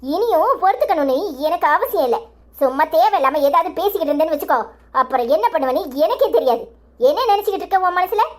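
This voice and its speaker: A performer voicing an indignant, sharp-tongued young wife in a cartoon comedy, with a Tirunelveli Tamil accent and a scolding manner. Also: very high-pitched.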